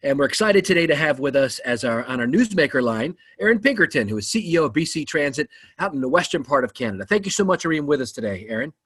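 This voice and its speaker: Husky-voiced enthusiastic male podcast host. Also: a little high, very animated, quick pace, hardly any pauses, fairly bright tone. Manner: enthusiastic, many ums and uhs. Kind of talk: casual podcast talk.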